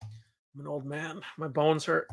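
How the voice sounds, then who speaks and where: A man in his thirties chats casually on a fan podcast. His voice is bright and clear. He rambles, restarts his sentences and pokes fun at himself. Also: on the high side, fairly even intonation, unhurried. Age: 30s. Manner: rambling, self-deprecating, with frequent restarts and laughs. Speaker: podcast co-host. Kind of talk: casual chat.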